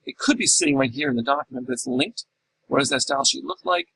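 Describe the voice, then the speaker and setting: A man's voice: extremely high pitch, big pitch swings, fast, gravelly, pushed and bright, a little hiss or hum, rough recording. A middle-aged man teaching a class in a recorded lecture, explaining step by step and asking and answering his own questions. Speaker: instructor.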